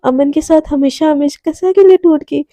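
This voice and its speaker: A woman voicing a calm young college woman, the top student, who speaks quietly and asks questions. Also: high voice, moderate pace, no room sound.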